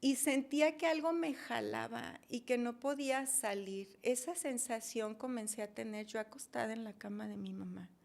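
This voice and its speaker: Gravelly-voiced woman telling her story. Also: on the high side, moderate pace, few pauses, a little mellow. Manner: emotional, storytelling, reenacting her own pleas. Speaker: guest. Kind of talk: personal testimony in a podcast interview.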